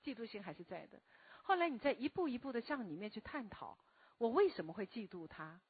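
A woman lecturing a class in a slow, deliberate way, often asking the listeners questions, her voice a bit hoarse from a recent cough. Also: fairly high pitch, big pitch swings, dry recording, phone-quality sound. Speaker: lecturer and meditation teacher. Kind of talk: spoken self-help lecture to a live class.

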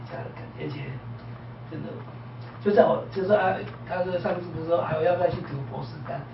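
A man with a high voice talks quickly and in an animated way, sharing about his marriage in a group, his phrases trailing off. He sounds far from the mic in an echoey room, on a lo-fi recording under loud background noise. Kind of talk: personal sharing in group talk.

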